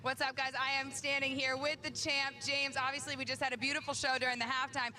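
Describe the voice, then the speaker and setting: A woman's voice: high voice, flat delivery, a little fast, pushed and bright. A woman working as a pit-side reporter, doing a live, informal sideline interview with chatty questions. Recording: music behind the voice.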